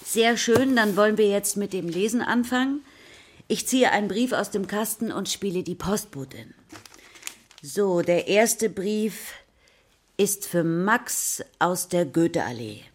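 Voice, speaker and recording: Playing a patient primary school teacher in a German children's radio play, a woman speaks to her class with encouraging questions and instruction. Her voice is husky and mid-range, animated but never rushed.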